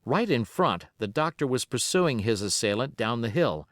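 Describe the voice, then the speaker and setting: In a clean, dry studio recording, a man with a medium-pitched voice narrates an adventure novel as an audiobook. His storytelling is expressive, measured and dramatic.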